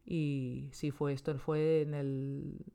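A Spanish woman in her thirties speaks slowly in a low, gravelly, dark voice that is also clear and resonant, with little pitch movement. Chatting casually as an interview guest in her Spain Spanish accent, she often restarts sentences and fills pauses.

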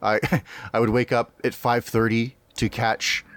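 A man's voice: medium pitch, flat delivery, measured pace, fairly bright tone. A man co-hosting a podcast, chatting casually and rambling with frequent laughs and restarts. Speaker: podcast co-host.

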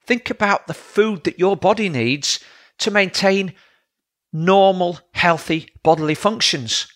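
On his solo podcast, a male coach lectures plainly about training, regularly asking "all right?" to check in with listeners. His voice is high, a bit bright, and a little slow, captured cleanly in a studio with no room sound.

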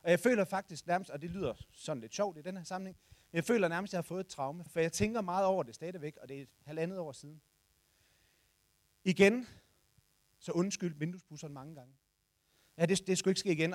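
Guy in his 40s with a high voice, animated storytelling, dry sound. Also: dry recording. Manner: animated storytelling, shouts in the tense moments. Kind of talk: personal anecdote told to listeners.

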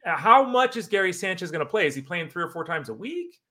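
A man co-hosting a casual sports talk show, quick and exasperated, rattling off names. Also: high voice, sing-song, crowd noise. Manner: quick, exasperated, rapid-fire lists. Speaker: podcast co-host.

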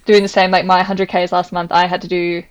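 A young Australian woman who teaches, co-hosting a casual chat podcast, talking fast and loose with lots of "like" fillers and laughs. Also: fairly low pitch, level tone, lo-fi sound.

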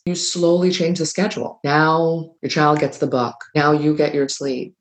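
A middle-aged woman hosting a talk show, chatting casually about change and acting out what family members say in quick little voices. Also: very deep voice. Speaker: podcast host. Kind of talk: casual advice monologue.

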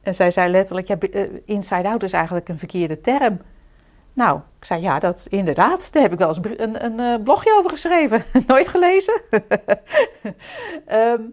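A woman's voice: medium pitch, normal speed, darkish tone. A woman talking in a casual, reflective way as a podcast co-host, with hesitant restarts and easy laughter.

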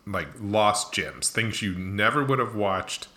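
A man's voice: on the low side, expressive, slow, bright, forceful tone. A man in casual conversation who tells stories and asks questions. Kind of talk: casual chat.

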